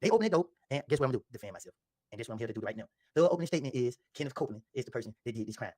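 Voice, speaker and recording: A man in an interview, telling his story in a defensive, insistent way with a husky voice. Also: medium pitch, expressive, racing, warm tone, no room sound.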